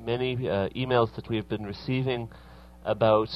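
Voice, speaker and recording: A man hosting a radio interview, speaking haltingly with many fillers. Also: medium pitch, fairly even intonation, lo-fi sound, slight background noise. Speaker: radio show host.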